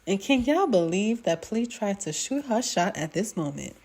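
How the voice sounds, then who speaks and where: A woman's voice: medium pitch, very animated, normal speed, a little mellow, husky. A woman giving a casual, gushing recap of a TV drama episode, talking chattily to her viewers.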